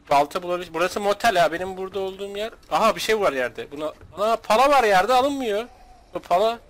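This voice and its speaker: Gaming host, man from Turkey, high voice, excitable, joking and foul-mouthed. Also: fast. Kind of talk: casual gaming commentary with a friend.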